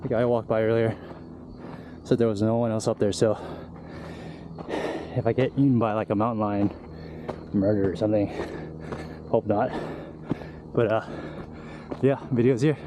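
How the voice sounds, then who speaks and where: A man's voice: lowish voice, steady tone, normal speed, long pauses. A young man talking loosely and candidly to his camera while hiking uphill, out of breath. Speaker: vlogger. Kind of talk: casual vlog talk while hiking. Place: outdoors on a hiking trail. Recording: outdoor recording with clear background noise.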